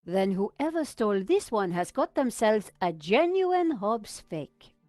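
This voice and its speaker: An actress playing a sharp, teasing investigator in a video game. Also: female voice, medium pitch, sing-song, slow, no echo. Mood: dry, teasing. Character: Nico, sharp, teasing French investigator, young woman.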